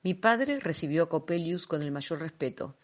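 A woman reading a classic tale aloud in a measured, expressive storytelling manner. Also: low voice. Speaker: reader.

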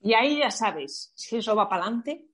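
A woman's voice: on the high side, lively intonation, normal speed, a bit bright. A woman co-hosting a casual chat, teasing and playfully acting out little scenes. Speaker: podcast co-host.

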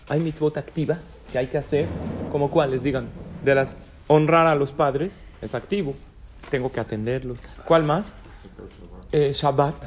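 A man's voice: mid-range voice, darkish tone, a little hiss or hum. A man leading a religious class, who poses questions to his listeners, answers them himself and slips in light jokes. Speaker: rabbi teaching a class. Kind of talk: Torah lesson in Spanish with Hebrew terms.

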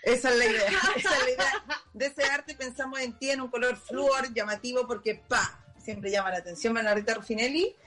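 A woman's voice: on the high side, fairly quick, pushed and bright, faint music behind. A Chilean woman hosting a podcast in casual, playful, teasing chat. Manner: playful, teasing, short reactions. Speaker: podcast host.

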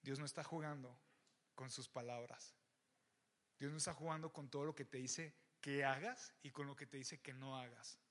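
A young man with a Mexican accent preaching an animated, joking sermon to young people, often raising his voice. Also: medium pitch, moderate pace. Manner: animated, joking, shouts to the crowd. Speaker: youth preacher. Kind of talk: lively sermon.

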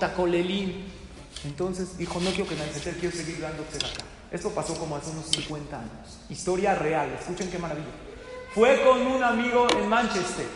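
A man preaches in a rather high voice, spinning stories and tossing questions out to his listeners. His voice rings through a large hall with a long, heavy reverb and faint room noise behind. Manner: lively storyteller asking the audience questions. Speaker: religious teacher. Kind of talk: sermon to a live audience.

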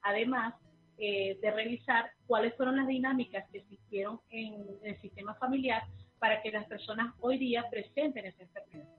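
Fast-talking Venezuelan woman on a phone line. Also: a little high, steady tone, faint music behind. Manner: fast, hesitant with many fillers and restarts. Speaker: guest therapist. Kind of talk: remote interview.

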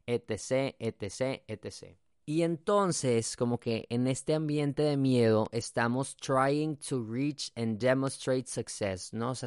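Here a podcast host with a Mexican Spanish accent muses casually, mixing in English phrases and tag questions. He has a mid-range, darkish voice that sounds clear and resonant. The recording is dry with clean studio sound.

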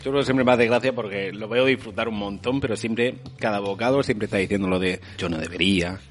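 A man's voice: fairly low pitch, fast talker, slight background noise. Man hosting a jokey chat. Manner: jokey, wraps up the show. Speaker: podcast host. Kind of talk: casual chat.

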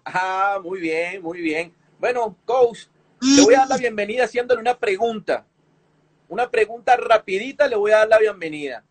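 A man hosting an interview in a jovial, chatty, teasing way. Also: high voice. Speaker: interview host. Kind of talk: casual interview.

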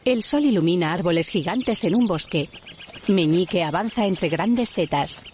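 A woman's voice: on the low side, lively intonation, normal speed, a little mellow, soft background music. A woman giving scripted audio description in neutral, plain statements.

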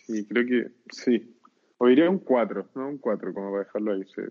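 A man's voice: lowish voice, fairly quick. A young man with a Chilean accent, chatting casually and telling stories in slangy, talkative speech. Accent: Chilean Spanish. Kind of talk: casual chat. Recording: tinny phone-like line.

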